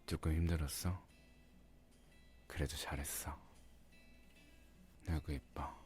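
A man playing a doting, teasing young boyfriend in an intimate ASMR ASMR role-play, murmuring softly and coaxingly close to the microphone. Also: rumbling low, steady tone, takes it slowly. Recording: music behind the voice.

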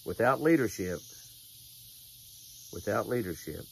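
An older man from the United States, devotional host and fishing angler, gives a homespun devotional and a fishing tip beside a lake, repeating phrases to drive points home. His fairly low voice has lively intonation, a measured pace and vocal fry. Recorded by a nearby camera, it carries slight background noise.

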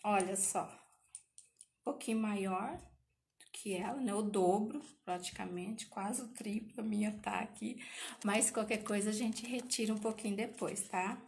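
A woman past fifty leads a live craft class, talking to her viewers in a loose, emotional, chatty way. She often stops to check whether they are following, and her voice sits at an ordinary middle pitch. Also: measured pace, vocal fry. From Paraná, Brazil. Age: over 50. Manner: chatty, emotional, speaks to viewers with many tag questions. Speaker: craft teacher.

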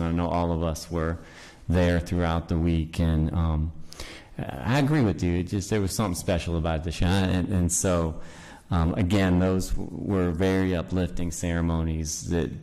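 A man with a very deep voice chairs a school board meeting. He speaks earnestly and with appreciation, pausing on fillers now and then. He talks into a desk microphone in a boardroom. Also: darkish tone. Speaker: board president.

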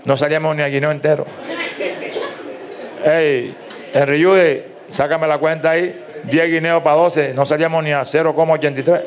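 A middle-aged man with a Colombian Caribbean coast accent, doing a crude, profane stand-up routine with loud bursts. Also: fairly high pitch, flat delivery, normal speed, long pauses. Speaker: stand-up comedian. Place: nightclub stage.

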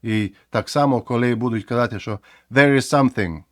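A man's voice: mid-range voice, a little fast, fairly bright tone, no echo, clean studio sound. A man teaching English grammar to learners, explaining patiently and repeating example words.

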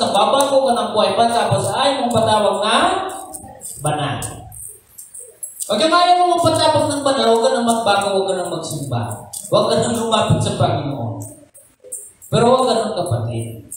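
A man's voice: extremely high pitch, big pitch swings, brisk, long pauses, slight background noise. A man preaching a sermon at a live church service, putting question after question to his congregation. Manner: peppers the congregation with rhetorical questions. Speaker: pastor. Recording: very echoey church from a distance.

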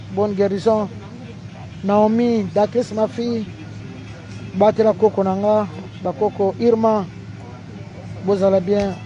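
A man excitedly greeting fans and calling out names one after another, outdoors by a busy street. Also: high-pitched, lo-fi sound. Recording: loud street and vehicle noise.

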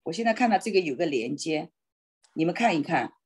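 A woman teaching an online Spanish class in Chinese on a video call, thinking aloud and hesitating, slowing down on Spanish words. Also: lowish voice, lively intonation, darkish tone, husky.

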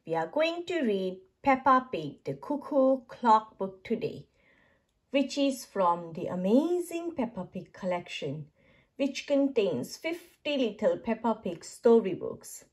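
Slow, expressive woman reading a picture book. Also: a little high. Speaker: storybook reader. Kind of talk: children's storybook read-aloud.

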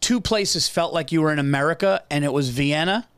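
A man's voice: on the high side, fairly quick, a bit bright, clear, resonant tone, no room sound. A middle-aged man co-hosting a studio podcast, chatting casually and rambling with lots of restarts. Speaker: podcast co-host. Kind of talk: casual chat. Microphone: studio boom mic.

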